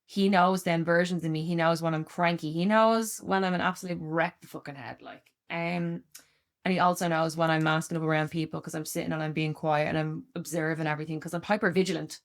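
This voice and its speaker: Podcast co-host, woman in her thirties, loud giddy delivery, slightly low voice, laughs a lot. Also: steady tone, a little fast. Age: 30s. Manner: candid, laughs often, acts out quoted voices. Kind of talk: casual chat.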